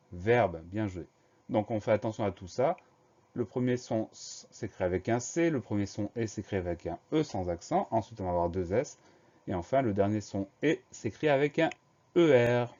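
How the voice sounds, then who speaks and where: A man's voice: on the low side, mellow, dull audio. A male primary school teacher giving a spelling lesson for children, patiently spelling out each word letter by letter.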